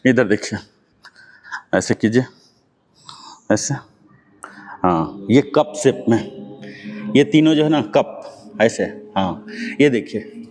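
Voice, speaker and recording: Man guiding a yoga class, patient. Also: medium pitch. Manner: patient step-by-step instruction with soft chanting. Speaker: yoga instructor.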